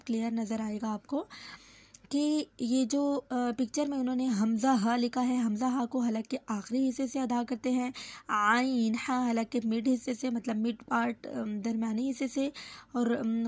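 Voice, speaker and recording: A woman with a slightly high voice teaches a careful pronunciation lesson for Quranic letters. She stretches each letter sound out slowly and repeats it, and she fills her explanations with small pauses and restarts. The recording is dry and close, with no room echo. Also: a little mellow. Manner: explains with fillers and self-corrections.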